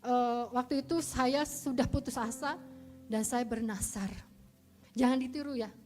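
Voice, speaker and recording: A woman's voice: on the high side, fairly even intonation, measured pace, a little mellow, soft background music. A woman giving a personal testimony in church, telling her story earnestly and emotionally and voicing her prayers aloud. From Indonesia.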